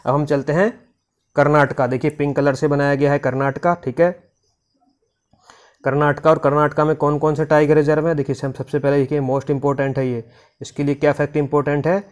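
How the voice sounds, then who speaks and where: A man's voice: fairly high pitch, little pitch movement, a little fast. A male teacher with a sore throat, drilling names off a map and repeating them with memory tricks. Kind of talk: exam-prep lesson over a map.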